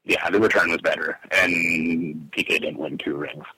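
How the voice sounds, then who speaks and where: A man's voice: sits low, steady tone, moderate pace, pushed and bright, husky, dry recording, poor audio. A man co-hosting a casual sports podcast in an attic, talking through his analysis in an agreeable, conversational way. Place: attic of a house, recording in summer heat.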